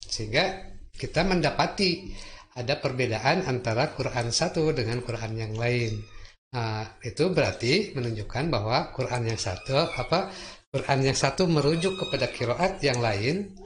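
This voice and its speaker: A man's voice: mid-range voice, animated. Guy giving a religious talk, lots of "eh" and repeats, roomy echo. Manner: explains slowly with many fillers and repetitions. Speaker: religious teacher. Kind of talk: religious lecture. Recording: echoey room with faint noise.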